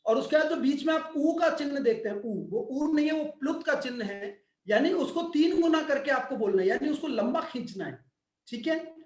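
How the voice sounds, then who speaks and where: A man's voice: very high voice, animated, normal speed, reverberant. A man who is a yoga and wellness expert answering questions in an online Q&A, explaining patiently like a teacher and checking that listeners follow.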